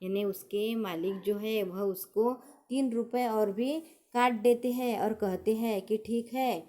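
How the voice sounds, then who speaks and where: A woman teacher takes a Hindi lesson at an unhurried pace. Her voice is soft and mellow. She reads the dialogue aloud, then restates each line in simple words. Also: medium pitch, fairly even intonation. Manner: reads quoted dialogue then explains it plainly. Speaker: school teacher.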